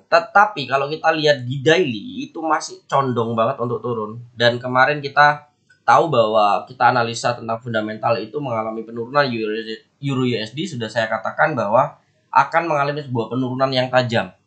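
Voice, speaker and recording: A forex analysis host with a cold speaks in a stuffy, nasal voice, offering casual market commentary straight to the camera. He's chatty, repeats words and tosses friendly asides to viewers, his mid-range voice brisk and fairly bright.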